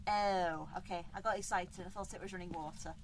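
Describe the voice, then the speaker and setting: A woman's voice: on the low side, steady tone, brisk, a little hiss or hum. A woman chatting casually while playing a game, hesitating often with fillers and restarts. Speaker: co-player. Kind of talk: casual gameplay chat.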